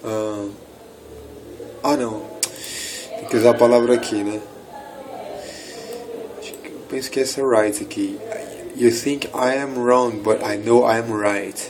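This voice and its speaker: A Brazilian man in his thirties gives a relaxed English lesson at a middle pitch. He drops into slow, careful reading of phrases, then speeds back up for quick explanations. Faint noise sits under the recording. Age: 30s. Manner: explains in quick asides, slows down to read English. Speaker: English teacher. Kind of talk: casual bilingual language lesson.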